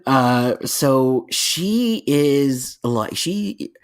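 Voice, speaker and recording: A man's voice: mid-range voice, extremely slow. A man in his thirties, a podcast host, telling a story in casual chat and acting out the voices in it. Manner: animated, acts out voices in his anecdotes.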